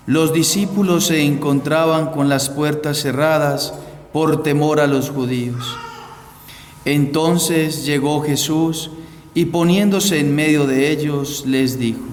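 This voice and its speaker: A priest reads the Gospel and preaches in an unhurried, measured voice pitched a little above the usual for a man. His words ring out under a cathedral echo with a long hall reverb. A faint hiss sits behind him. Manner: slow, measured liturgical delivery. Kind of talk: Pentecost homily and Gospel reading. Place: large church. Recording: echoey church hall, faint background hiss.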